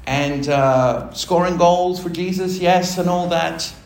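A high-pitched man speaking at a slow pace gives a personal testimony sermon as pastor in a spacious church hall, and the recording has that roomy hall sound. He chats with the congregation, jokes about himself, and laughs along with them.

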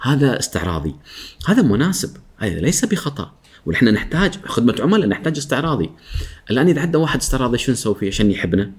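A man, a guest speaker on workplace etiquette, talking in a lively way, acting out coworkers' lines and often laughing. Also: medium pitch, rapid-fire, breathy edge. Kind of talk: animated talk show chat.

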